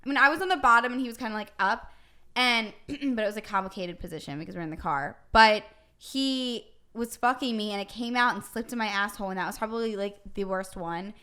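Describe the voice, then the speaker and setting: Bright-voiced young woman, candid chat. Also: mid-range voice, fast talker, clear, resonant tone. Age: young adult. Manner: candid, animated storytelling with frequent fillers. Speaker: podcast co-host. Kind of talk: casual podcast chat.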